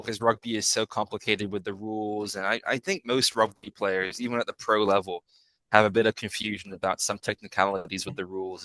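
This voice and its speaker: A young man from Hong Kong speaks as a guest on a casual podcast, his voice sitting low. He goes on at length and corrects himself mid-sentence as he explains. The sound is dry, with no room around it. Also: sharp tone, dry recording, poor audio. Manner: expansive, talks at length with self-corrections. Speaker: guest, rugby player.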